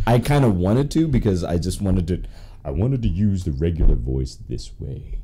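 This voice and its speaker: A man's voice: low voice, expressive, normal speed, mellow, breathy edge. A man hosting a podcast in casual chat, rambling with many restarts and fillers. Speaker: podcast host.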